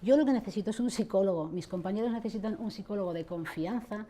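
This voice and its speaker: A middle-aged woman with a dark, mid-range voice talks fast as an interviewee and abuse survivor advocate. She answers questions in an impassioned, indignant way, addressing church leaders directly.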